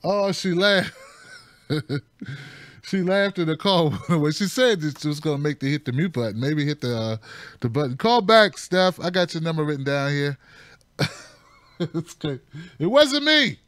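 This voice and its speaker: A man's voice: fairly high pitch, expressive, unhurried, long pauses, a bit bright, dry recording. A man hosting a call-in show, talking loosely with frequent laughs and friendly banter. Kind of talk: casual talk show hosting.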